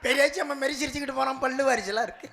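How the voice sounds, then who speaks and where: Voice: high voice, racing, creaky, crowd noise. A stage comic in a village street drama, joking back at his partner and coaxing the audience to stay in their seats. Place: outdoor village stage before a crowd. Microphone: stage mic.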